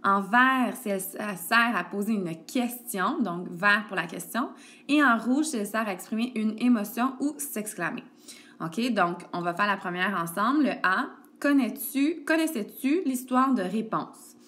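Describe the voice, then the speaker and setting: A woman teacher walks a child through a grammar lesson. She is patient and steady, full of little "ok"s and "donc"s. It is recorded on a tablet screencast. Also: mid-range voice, a little slow. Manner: patient, addresses the child directly with frequent "ok" and "donc". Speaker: elementary school teacher.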